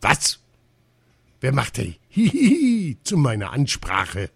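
Ein Mann, der einen pompösen Zirkusdirektor spielt, der in gedehnten, krähenden Ausrufen Reden hält. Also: male voice, wildly swooping pitch, slow pace, vocal fry, slightly rough, no room sound, full character voice. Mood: indignant. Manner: grandly declaiming, crowing falsetto shouts. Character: pompous male circus director, loves giving speeches.

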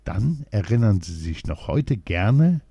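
A man reading a children's story aloud in a calm, measured storybook narration. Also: on the low side, vocal fry, husky, dry recording.

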